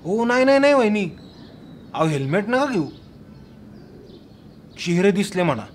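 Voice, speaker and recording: A coaxing fixer with a lively high voice. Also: male voice, normal speed, slight background noise. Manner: coaxing, wheedling. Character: smooth-talking man coaxing a witness. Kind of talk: film drama.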